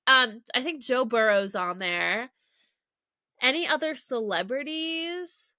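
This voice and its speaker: A woman's voice: sits high, animated, takes it slowly, pushed and bright, no room sound. A young woman hosting a casual solo podcast, chatty and rambling with lots of "like", her voice a bit congested from a cold, recorded in her childhood bedroom. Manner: chatty, rambling, heavy use of "like". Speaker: podcast host.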